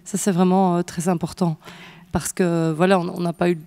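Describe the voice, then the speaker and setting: A woman's voice: lowish voice, little pitch movement, moderate pace, mellow. A woman, a panel guest, agrees with another guest and speaks hesitantly, with many fillers.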